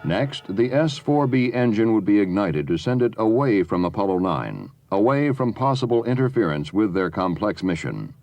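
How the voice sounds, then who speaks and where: Real low-voiced guy narrating a documentary, lively intonation, music clearly behind him. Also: moderate pace, hardly any pauses.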